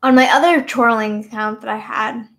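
High-pitched girl in her 20s rambling on a webcam stream in her bedroom, lots of "you know". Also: steady tone, normal speed, a bit bright. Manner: rambling, many fillers like "you know what I mean". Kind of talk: casual webcam chat. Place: small bedroom, indoors. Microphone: webcam at desk.

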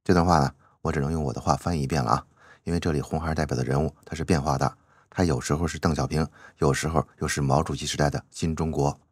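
Deep-voiced man explaining a story. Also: steady tone, dry recording, studio quality. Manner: chatty explaining, with drawn-out sentence-final particles. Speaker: channel host. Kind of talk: commentary on a classic novel, read aloud.

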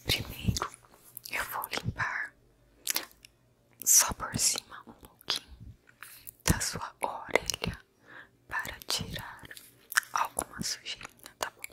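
Very slow, intimate whispered role-play, Brazilian woman. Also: very deep voice, monotone, creaky. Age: young adult. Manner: intimate whisper, slow, repeating words softly. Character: attentive ear-cleaning clinician at a health post. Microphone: close recorder microphone.

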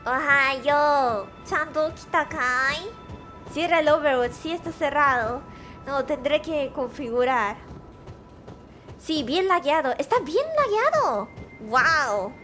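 A woman streaming casually, excitable and quick to shriek when startled, slipping into Japanese and English phrases. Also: high voice, soft background music. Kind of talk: casual live-stream chat.

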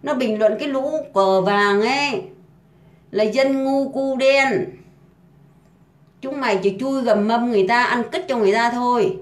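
A woman's voice: on the high side, fairly quick, hardly any pauses. A woman delivering an angry, profane rant full of insults and hammering repetition. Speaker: housemaid ranting online. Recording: roomy echo.

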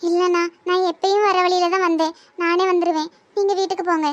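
A woman's voice: very high voice, steady tone, fast, no room sound, muffled recording. A woman voicing a shy young village bride-to-be who gives hesitant, short replies in a Tirunelveli accent, for a comedy cartoon. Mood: quiet. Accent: Tirunelveli Tamil. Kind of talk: cartoon voice acting.

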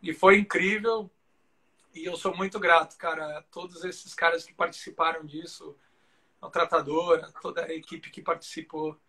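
High-pitched guy with a sharp bright voice, rider chatting away in a laid-back interview. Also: flat delivery, moderate pace. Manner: chatty, fills talk with "cara" and "né". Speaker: show jumping rider, interview guest. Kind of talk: casual storytelling in a live interview.

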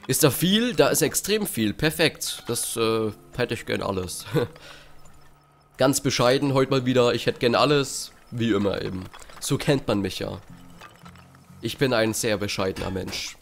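A man's voice: mid-range voice, unhurried, gravelly, faint music behind. A man giving casual let's play commentary with sarcastic, dry asides. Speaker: let's player.

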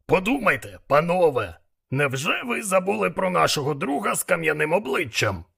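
Man putting on a gruff demon mentor, blunt, scolding, raised gravelly voice, bright raspy edge. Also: on the high side, sing-song, normal speed, pitched above the performer's own voice, heavily acted. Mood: scheming. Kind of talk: audiobook character voice.

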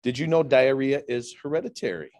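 A man's voice: medium pitch, expressive, a little fast, a little mellow. A middle-aged man giving a humorous prepared speech, telling dad jokes with setups and punchlines to a speaking club. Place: large indoor meeting room with low ceiling.

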